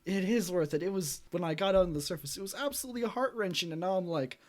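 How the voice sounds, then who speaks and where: A man's voice: high voice, fast talker. A man co-hosting a podcast, casually telling gaming stories and acting out what he said. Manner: animated storyteller, acts out quotes. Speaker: podcast co-host. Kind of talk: casual chat.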